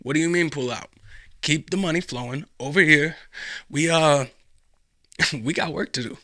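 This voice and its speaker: A man's voice: on the high side, normal speed, sharp tone, no room sound, clean studio sound. A young American man giving casual political commentary as a podcast host, rambling and often restarting his sentences. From United States. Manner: rambling, repeats himself, frequent restarts.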